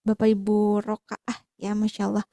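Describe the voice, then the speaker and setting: A woman's voice: mid-range voice, completely flat delivery, normal speed, mellow, dry recording, studio quality. A woman moderating an online class, politely thanking the teacher and reading out viewers' questions. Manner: polite and courteous, reads viewers' questions aloud.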